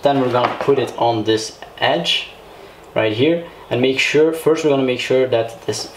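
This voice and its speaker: A man's voice: medium pitch, fairly even intonation, normal speed. Guy doing a casual how-to, normal mid voice, echoey space w noise behind him. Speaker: host of a DIY car series. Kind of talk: casual tutorial, explaining step by step. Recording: roomy echo, clear background noise.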